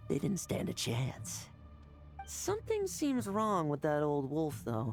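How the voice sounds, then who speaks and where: A woman's voice: sits low, wildly swooping pitch, unhurried, darkish tone, soft background music, exaggerated voice. A woman voicing a shrewd, self-assured fighter in a video game, with a breezy, teasing manner. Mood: wry, confident. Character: confident, shrewd female fighter, suspicious then wry.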